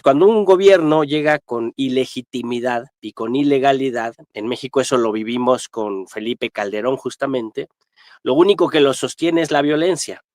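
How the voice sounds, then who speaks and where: A mid-pitched man with a Mexican accent gives off-the-cuff political analysis as a guest historian and political analyst. He speaks emphatically and militantly, dropping in frequent tag questions. The recording is very dry, with no room echo at all.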